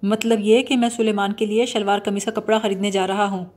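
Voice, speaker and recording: A woman's voice: mid-range voice, level tone, darkish tone, natural voice. A woman reading the part of a bumbling, mock-serious young man who blusters and lectures pompously.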